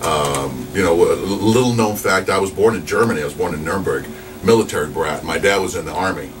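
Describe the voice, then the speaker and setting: This is a man in his forties, a radio DJ from New Mexico, USA, talking casually in an interview. His low-pitched voice moves at a quick pace, and his upbeat, rambling manner is full of fillers and restarts. A distant mic picks him up over a noisy background.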